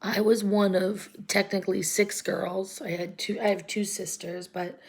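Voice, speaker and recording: A woman in her forties talking in an emotional personal vlog, close to tears, halting and often dropping to a whisper. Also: mid-range voice, steady tone, husky. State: close to crying. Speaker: vlogger.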